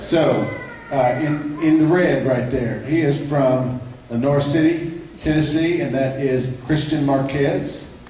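A man introducing his vocal ensemble at a live concert, halting with fillers and light jokes. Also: mid-range voice, a little mellow. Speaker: ensemble director introducing singers. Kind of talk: live concert emcee talk. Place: church sanctuary. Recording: echoey church, distant mic, faint noise.

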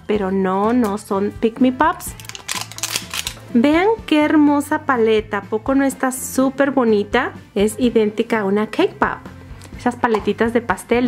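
A woman presenting a toy unboxing to young viewers, enthusiastic and full of exclamations. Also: fairly high pitch. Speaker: toy channel host. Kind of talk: toy unboxing narration for children. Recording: music behind the voice. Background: music.

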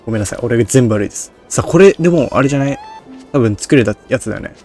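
A man's voice: mid-range voice, lively intonation, very fast, over music. Male game commentator, mumbly and unclear, thinks aloud and puts himself down. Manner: rambling, self-deprecating, thinks aloud. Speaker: game streamer. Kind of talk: casual Let's Play commentary.

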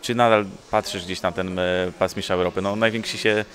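A male reporter with a lowish voice puts direct questions to a fighter after the bout. He fills his pauses with hesitation sounds. The recording is made indoors at an event press wall. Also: fairly even intonation, a bit bright. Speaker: interviewer. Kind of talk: post-fight interview questions.

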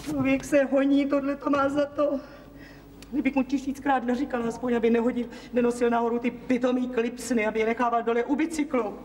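An actress playing a nagging, house-proud middle-aged wife who scolds in a shrill voice, in a 1970s TV drama. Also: female voice, little pitch movement, a little mellow, distant mic, natural voice. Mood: scolding. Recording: roomy 1970s TV film sound, faint hiss.

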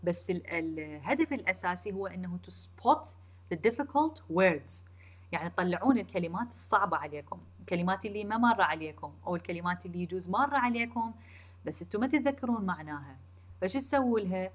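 A woman with an Iraqi Arabic accent giving a recorded English lesson, switching between Arabic and slow, deliberate English and repeating key points to her students. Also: lowish voice, animated. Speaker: English teacher. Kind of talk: recorded online lecture.

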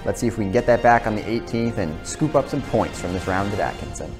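A man's voice: on the low side, expressive, quick pace, soft background music. Young man giving casual golf commentary. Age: young adult. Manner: self-narrating, informal. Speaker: host of a simulator golf series.

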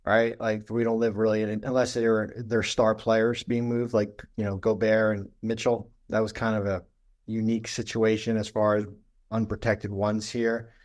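A man's voice: fairly low pitch, level tone, moderate pace, darkish tone. A man co-hosting a webinar, explaining basketball trades in a casual, hesitant way full of ums and rights. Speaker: webinar co-host and basketball analyst.

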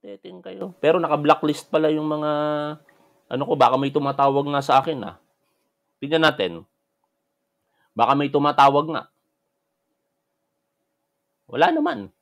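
A man's voice: on the high side, normal speed, gravelly, long pauses, fairly bright tone. Combative Filipino man scolding critics. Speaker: vlogger answering critics. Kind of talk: ranting commentary.

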